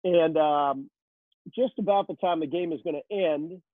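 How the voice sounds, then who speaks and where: This rinkside hockey reporter has a voice on the high side and speaks at a moderate pace, with no room sound. Heard through a tinny phone connection, he fields interview questions in a talkative, story-driven way, saying "uh" a lot.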